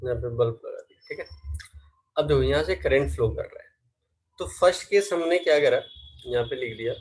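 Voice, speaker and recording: Husky male teacher giving a lesson. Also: mid-range voice, a little fast, a little mellow, poor audio. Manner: asks students questions and answers them himself; mixes Hindi with English terms. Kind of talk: classroom lecture.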